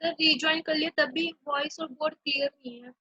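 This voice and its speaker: A woman student speaks up politely during an online class. Her high, bright voice arrives over a bad connection that sounds thin and lo-fi. She sounds distant from the mic. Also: steady tone, a little fast. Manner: polite, addresses the teacher as sir. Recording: lo-fi video-call audio from a distance.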